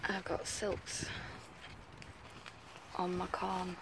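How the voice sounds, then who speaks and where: A garden vlogger talking casually outdoors in a home vegetable garden. The speaker is unhurried and hesitant, with many ums, and records on a handheld camera while filming the plants. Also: medium pitch, monotone, vocal fry, background noise.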